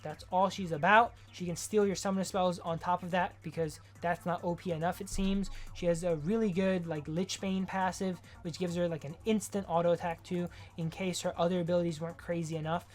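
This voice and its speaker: A woman's voice: fairly low pitch, fairly even intonation, fairly quick, hardly any pauses, soft background music. A woman giving casual, rambling game commentary as a gaming video host, with slangy, offhand asides. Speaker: gaming YouTuber.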